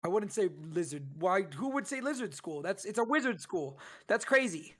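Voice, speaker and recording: A man's voice: high-pitched, big pitch swings, normal speed, fairly bright tone, full character voice. A man voicing a flustered young wizard who stammers and repeats himself while denying things, in a tabletop game. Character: flustered young male wizard caught lying.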